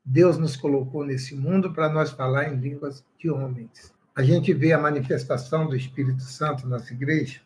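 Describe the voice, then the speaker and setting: A man's voice: medium pitch, a little mellow, low-quality recording. A man, a pastor preaching a sermon on a livestream and asking his listeners questions.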